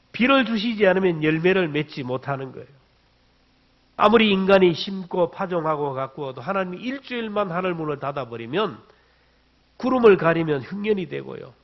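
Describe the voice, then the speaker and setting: A middle-aged male pastor preaching a sermon in a conversational way, asking the congregation questions and pressing his points with sudden emphatic bursts. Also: sits high. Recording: dull lo-fi church recording.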